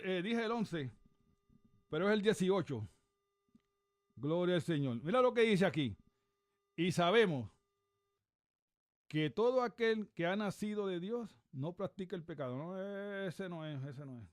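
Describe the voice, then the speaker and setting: Animated preaching man, high dry voice. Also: no room sound. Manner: animated, repeats questions, looks up verses aloud. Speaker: reverend and radio preacher. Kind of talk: conversational radio sermon.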